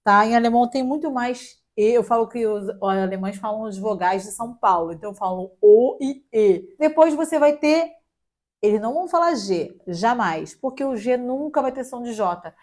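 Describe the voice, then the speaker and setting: A young woman with a Brazilian Portuguese accent teaches German in a relaxed, chatty way. Her voice sits a little high, and she stretches out letters as she spells them. Now and then she slips in a light joke. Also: normal speed. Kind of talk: casual online language lesson.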